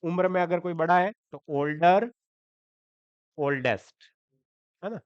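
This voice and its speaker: Here a man teaches grammar in Hindi, his voice clear, smooth and fairly high. Step-by-step explanations, letter-by-letter spelling and checking questions to students mark his delivery, and the sound is dry, close, echo-free and a bit dull.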